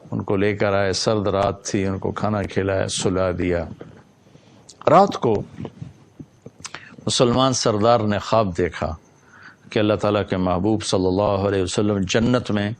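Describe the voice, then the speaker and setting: A man's voice: on the low side, a little hiss or hum. A man preaching a sermon, retelling a story with a reverent, emphatic delivery.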